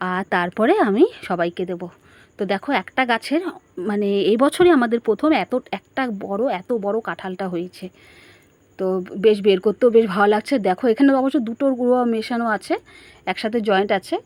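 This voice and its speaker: A woman's voice: medium pitch, darkish tone, dry recording. A woman narrating a casual family vlog, chatting straight to her viewers and asking them questions. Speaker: family vlogger.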